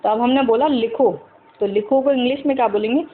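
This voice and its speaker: A woman teaching English to Hindi speakers. She talks slowly, repeats each example sentence several times and keeps asking the viewers questions. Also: fairly high pitch, phone-quality sound, slight background noise.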